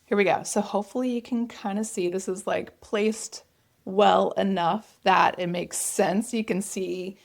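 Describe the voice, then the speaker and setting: Creaky-voiced woman with an Oklahoma accent. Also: medium pitch, fairly even intonation, measured pace. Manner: chatty, enthusiastic. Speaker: knitting podcast host. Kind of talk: casual vlog chat.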